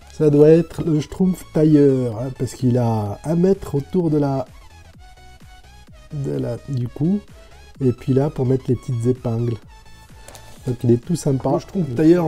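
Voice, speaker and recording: A man with a very dark, mellow voice gives casual, talkative unboxing commentary. He describes each toy as he goes and thinks aloud between items. Soft music plays faintly underneath at a medium pitch. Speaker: toy reviewer.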